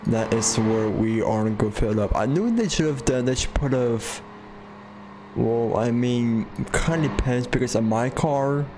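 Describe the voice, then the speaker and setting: A man's voice: medium pitch, moderate pace, noisy background. A man casually narrating his live gameplay, rambling and describing each thing he does, sometimes slipping into a joking southern drawl. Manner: puts on a self-mocking southern drawl at times. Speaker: gamer streaming live. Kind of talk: casual live game commentary.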